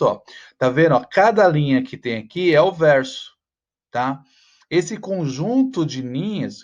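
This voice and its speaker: A man teaching a class, walking students through a task with frequent "tá?" check-ins and slowing down to spell out the rhymes. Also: a little high, muffled recording. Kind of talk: online class walkthrough.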